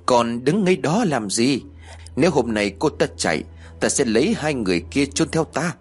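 A man's voice: mid-range voice, sing-song, normal speed, husky, soft background music. A man voicing a fierce, impatient young woman villain in an audiobook. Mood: angry.

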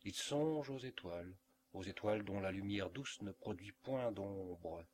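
A man reading a literary story aloud as an audiobook narrator, in a measured, expressive way. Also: lowish voice, a little hiss or hum. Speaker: audiobook reader. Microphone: home recording for an audiobook.

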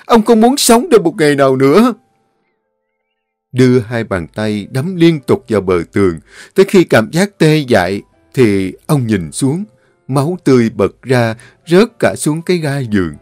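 A man narrating an audiobook story in a measured, dramatic way. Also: mid-range voice, no echo. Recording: dry close recording with soft music.

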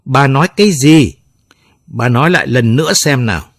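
A man's voice: mid-range voice, animated, moderate pace, no room sound, clean studio sound. A man voicing an enraged despairing father. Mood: furious. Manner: shouting, bitter accusations. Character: furious middle-aged father, harsh and despairing.

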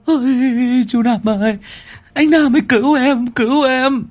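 A woman's voice: sits high, a little slow, darkish tone, pitched above the performer's own voice. A man voicing a panicked young woman who squeals and begs for help. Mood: panicked, pleading.

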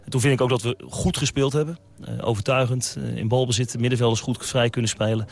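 A man, a football coach, answering questions after a match in a measured, reflective way with hesitations. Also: mid-range voice, steady tone, vocal fry. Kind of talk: post-match interview.

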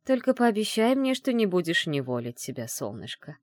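Woman reading a gentle teasing witch mother. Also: lowish voice, very animated, normal speed, no room sound, clean studio sound, voice pushed up. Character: caring, shrewd middle-aged witch mother. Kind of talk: audiobook character voice.

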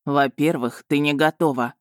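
A woman voicing a proud, brooding male dragon lord who speaks in a cool, measured, slightly mocking way. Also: sits low, fairly even intonation, no echo, studio quality, close to an everyday voice.

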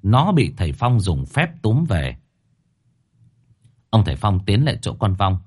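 A male storyteller, narrating a ghost story. His voice is husky and fairly low, and his delivery swings lively up and down. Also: a little slow.

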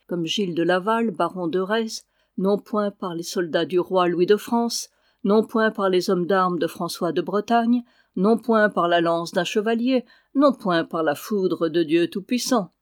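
A mischievous, boastful dwarf , as a reader puts him on, spins a grim prophecy with mock-solemn mystery and a teasing edge. The audiobook voice sits at a middle pitch. It sounds dry and close, with no room around it. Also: a little mellow, no echo, close to an everyday voice. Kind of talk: audiobook character voice.

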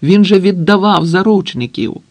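A man voicing a mustached official who shouts in shock and disbelief. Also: sits high, expressive, moderate pace, no room sound, pitched above the performer's own voice. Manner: shouting, then stunned and pleading.

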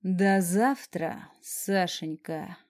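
A woman voicing a smug, teasing young male boss who speaks in a husky, rumbling drawl. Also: takes it slowly. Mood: mock-tender. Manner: drawling, mock-gentle.

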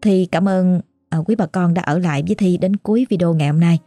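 A woman's voice: fairly low pitch, fairly quick, dark tone, no room sound. A woman with a Southern Vietnamese accent, hosting and retelling a listener's ghost story in a chatty, exclamatory way. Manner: chatty and exclamatory, with frequent fillers. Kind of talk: casual spoken storytelling.

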